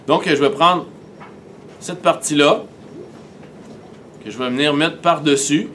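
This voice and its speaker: A man with a Québécois accent, teaching a software tutorial and talking methodically through each step on screen. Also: on the high side, takes it slowly, slight background noise.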